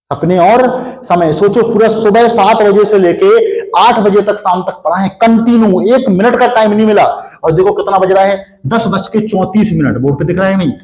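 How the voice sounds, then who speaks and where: This young physics teacher is high-pitched with a darkish tone, speaking at normal speed in an echoey room despite a sore throat. He's in a hot studio with a board and no air conditioning. Step by step he explains, asking his students questions and supplying the answers himself.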